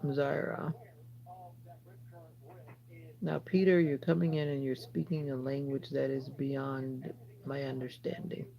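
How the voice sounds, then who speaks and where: A woman's voice: very deep voice, level tone, takes it slowly, gravelly, long pauses, lo-fi sound. A woman hosting a casual livestream from her phone, chatting straight to viewers and answering their comments with rambling asides. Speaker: livestream host.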